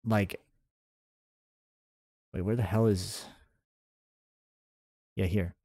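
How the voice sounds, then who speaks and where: A man's voice: fairly low pitch, fairly even intonation, extremely slow, warm tone, dry recording, studio quality. A man streaming his game development, thinking aloud in a rambling, casual way with many fillers and restarts while answering chat. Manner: answers chat messages between coding steps.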